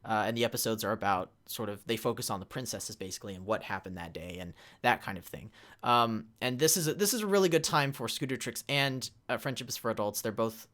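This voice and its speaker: A man with a mid-range, fairly bright voice presents a convention panel informally, recounting a history with hesitant starts and emphatic bursts.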